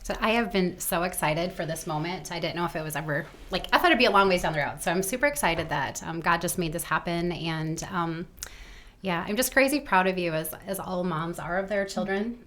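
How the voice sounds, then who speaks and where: A middle-aged woman hosting a podcast, chatting casually with her grown children in a bubbly, gushing way, quick to laugh. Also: on the low side, a bit bright. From Midwestern United States. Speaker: podcast host. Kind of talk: casual family chat.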